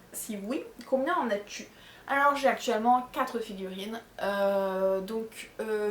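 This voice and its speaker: A woman's voice: fairly high pitch, reverberant. Young woman, Charente French accent, casual rambling chat, faint background hum. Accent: French from the Charente region. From France. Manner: chatty and rambling, many fillers and self-corrections. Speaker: vlogger answering viewer questions. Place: bedroom at home.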